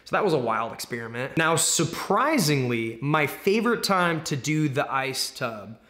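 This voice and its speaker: A man's voice: on the high side, very animated, normal speed, fairly bright tone. A man talking casually as an athlete vlogger, explaining his routine in a conversational way and stressing words by repeating them. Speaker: athlete vlogger, competitive swimmer. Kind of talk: casual explanatory vlog talk.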